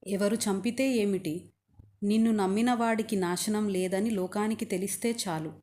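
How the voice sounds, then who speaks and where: A devout mother of unshakable faith speaks slowly and steadily, voiced by a woman telling the story. Her tone is mellow and soft at the edges, at an ordinary middle pitch. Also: steady tone, close to an everyday voice. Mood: serene.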